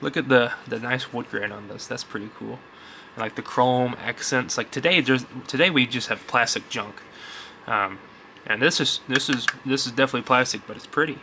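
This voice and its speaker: A young man with a medium-pitched voice and vocal fry talks at a moderate pace over a noisy background. He hosts a vintage electronics collecting channel and rambles casually, off the cuff, showing items to viewers in a basement for an unscripted show-and-tell vlog.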